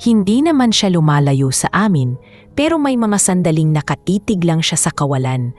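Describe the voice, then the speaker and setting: Woman narrator, low voice, calm reflective scripted storytelling.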